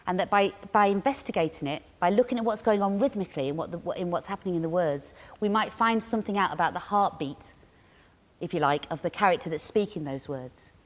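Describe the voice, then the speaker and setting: A woman leading students through a lively drama exercise, encouraging them and chanting rhythms aloud. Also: fairly low pitch, fast talker, long reverb tail. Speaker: workshop leader.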